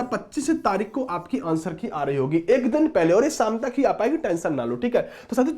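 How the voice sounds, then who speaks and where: A high-pitched man with a darkish tone gives an informal exam update as an exam-prep teacher and presenter. He reads out a notice and keeps calling his viewers friends.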